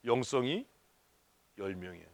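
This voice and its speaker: A man's voice: medium pitch, expressive, normal speed, dry recording. A male pastor giving a church leadership seminar talk, teasing his audience and firing questions at them. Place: church hall.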